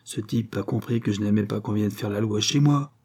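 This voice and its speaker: A man's voice: fairly low pitch, fairly quick, creaky, darkish tone, husky. A man voicing a stubborn, hot-headed farmer who snaps back defiantly. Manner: defiant, snapping.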